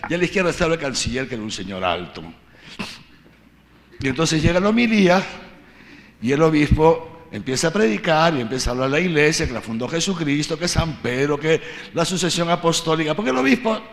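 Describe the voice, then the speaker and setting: Bishop guy telling a story, high lively voice, gravelly, big echoey church hall. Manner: animated storyteller, acts out shouting crowds. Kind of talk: storytelling catechesis talk. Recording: reverberant hall, mic at a distance.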